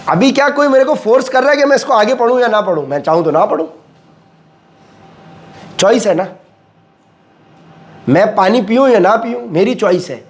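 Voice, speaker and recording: A man's voice: very high voice, animated, long pauses. A man teaching a Quran study session, reading a translation and explaining it in a conversational way, with rhetorical questions. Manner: conversational, asks rhetorical questions, mixes English words.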